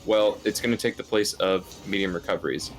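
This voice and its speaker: A tired man calls a live speedrun race in a somewhat low voice. He rambles, laughs at himself and stumbles over words, but keeps the play-by-play going. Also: brisk, soft background music. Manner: rambling, giggly, loses his words. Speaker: speedrun commentator.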